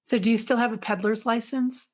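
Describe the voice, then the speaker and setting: A woman's voice: on the high side, steady tone, fairly quick, no echo, muffled recording. A woman hosting a podcast interview, asking eager, admiring questions and adding friendly asides to listeners. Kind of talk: podcast interview and scripted narration.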